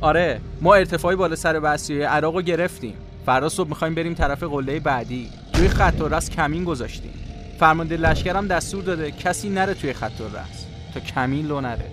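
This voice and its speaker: A man's voice: a little high, lightly acted. An actor playing a cheerful young male soldier comrade with an easygoing, teasing manner, in a radio drama. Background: music.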